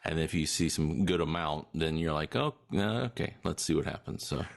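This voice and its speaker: A man's voice: rumbling low, moderate pace, gravelly. A man, chatting casually as a podcast guest in a laid-back, dryly humorous way. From Louisiana. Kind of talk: casual chat.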